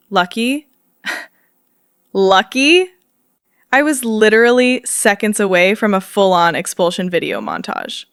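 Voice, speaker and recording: A woman's voice: mid-range voice, animated, slow pace, long pauses, smooth, no echo, studio quality. A young woman telling a story to her viewers in a chatty, dramatic vlog style, laughing often and using casual slang. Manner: slangy, addresses viewers directly. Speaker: storytime narrator.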